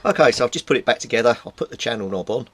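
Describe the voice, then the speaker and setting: A middle-aged British man, a hobbyist radio repairer presenting a video, talks very fast at medium pitch. He gives a casual hands-on demonstration indoors at a cluttered workbench, informally thinking aloud as he handles equipment. Slight background noise is audible.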